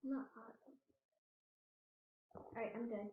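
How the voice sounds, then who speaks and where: A woman's voice: fairly high pitch, fairly even intonation, slow pace. A woman playing a game with a friend, asking curious questions about how it works. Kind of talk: casual gameplay chat. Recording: muffled lo-fi audio.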